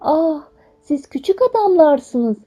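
A woman's voice: high-pitched, very animated, moderate pace, mellow, soft background music, pitched above the performer's own voice. A woman voicing a sweet, cheerful young princess in a storybook reading, raising her voice a little for the part. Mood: delighted.

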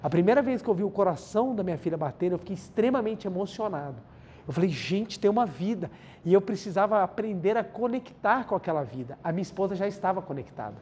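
A man's voice: high voice, lively intonation, quick pace, darkish tone, slight background noise. A man with a Brazilian accent giving a spiritual lecture, telling personal stories, repeating key phrases and often addressing the listeners directly. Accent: Brazilian Portuguese.

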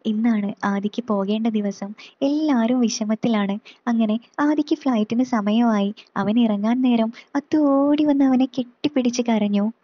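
A woman reading a story aloud in a steady, plain way. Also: on the high side, moderate pace, no echo, muffled recording.

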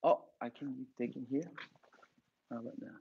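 A man running an online martial arts class, hoarse and speaking broken English in an upbeat emcee manner. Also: mid-range voice, moderate pace. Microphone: phone. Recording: dull lo-fi phone audio.

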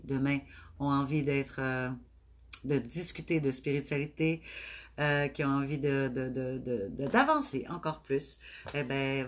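A middle-aged woman with a Québécois French accent, speaking gently and affectionately to her live-stream viewers with many hesitations. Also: very deep voice.

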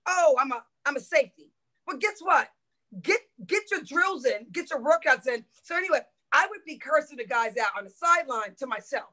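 A middle-aged woman, a former football coach, telling stories in a podcast interview, lively and swearing freely as she acts out quotes. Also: high voice, brisk, rough recording. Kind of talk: animated storytelling in a podcast interview.

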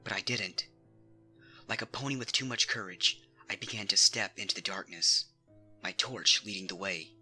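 A man gives dramatic scripted horror narration with a fairly low, bright and forceful voice at normal speed. The suspenseful, theatrical reading has music playing under it.

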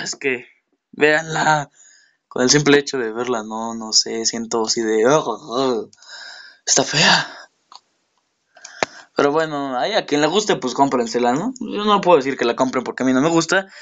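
A man's voice: mid-range voice, normal speed, a bit bright. Chatty rambling man reviewing a toy. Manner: rambling, self-mocking, laughs often.

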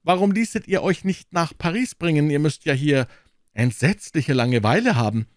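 A man reading an audiobook and voicing a lively young male musketeer, teasing and reassuring. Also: on the high side, moderate pace, no echo, clean studio sound, pitched above the performer's own voice, lightly acted.

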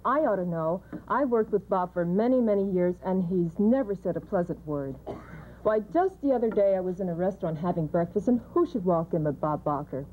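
A woman's voice: fairly low pitch, expressive. Woman telling a roast story. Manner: brisk storytelling with a punchline. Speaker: education TV specialist. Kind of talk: roast anecdote. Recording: dull lo-fi TV recording, faint hiss.

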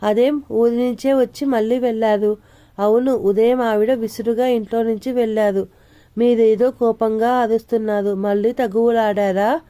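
A woman's voice: fairly high pitch, fairly even intonation, moderate pace, mellow, natural voice. Woman reading as a preachy older neighbor man. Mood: curious. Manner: preachy, fatherly lecturing. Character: older male neighbor, prying and lecturing.

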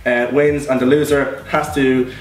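A young man hosting a quick-fire quiz game, reading questions and laughing and teasing the players. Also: medium pitch, level tone. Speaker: quizmaster host. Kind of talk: casual challenge game. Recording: echoey room, far from mic, faint music.

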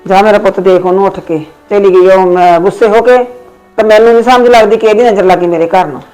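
A woman's voice: mid-range voice, fairly even intonation, quick pace, warm tone, clean tone, soft background music, rough recording. Fretful, scolding Punjabi mother-in-law woman. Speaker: mother-in-law in a family skit. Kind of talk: scripted family drama acting.

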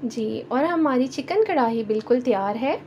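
A woman with a Pakistani Urdu accent hosting a cooking channel, giving calm step-by-step recipe instructions in a voice-over. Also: on the high side, normal speed, highs cut off, slight background noise. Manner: calm, instructive, addresses viewers directly.

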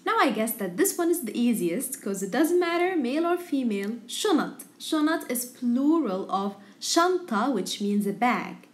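A woman's voice: on the high side, big pitch swings, normal speed, few pauses. A woman with an Egyptian Arabic accent teaching a language lesson, repeating words and their translations in an instructional way.

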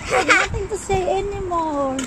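A woman's voice: extremely high pitch, moderate pace, very noisy. A mother in a casual family vlog, laughing often and patiently coaching her child's reading. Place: outdoors on a windy, rainy walk to school.

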